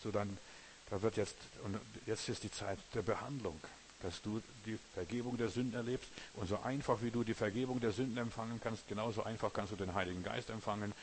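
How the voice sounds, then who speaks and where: A man's voice: lowish voice, steady tone, fairly quick, slight background noise. German preacher man, repetitive cadence. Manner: addresses the listener directly as "du", with repeated parallel phrases. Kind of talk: sermon.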